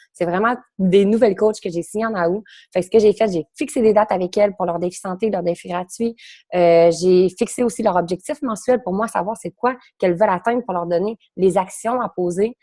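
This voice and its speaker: A woman's voice: mid-range voice, dark tone. A young woman with a Quebec French accent, a coach sharing her experience in a casual round-table talk, rambling and correcting herself, with something in her throat. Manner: fast, rambling, self-correcting.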